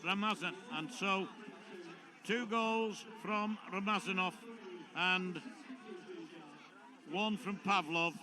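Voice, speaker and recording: A man giving live play-by-play football commentary, rising to excited shouts when play gets tense. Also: high voice, takes it slowly, pauses often, a crowd in the background. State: out of breath.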